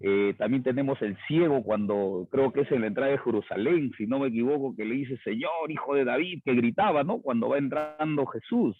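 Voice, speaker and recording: Husky man on a tinny phone line. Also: medium pitch, a little fast, hardly any pauses, dry recording. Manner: retells scenes, quoting shouts, many "¿no?" tags. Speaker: student. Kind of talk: class contribution over a call.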